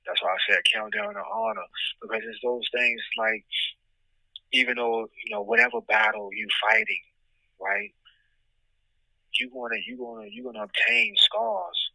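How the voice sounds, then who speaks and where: An American man speaking candidly in an interview on a prison phone, with a raspy voice and emphatic, repeated check-ins with his listener. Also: high-pitched, animated, normal speed, pauses often, sharp tone, no room sound. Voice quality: raspy, gravelly. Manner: emphatic, frequent "you know what I'm saying" check-ins. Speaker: interviewee, incarcerated poet. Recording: dry, close prison phone call.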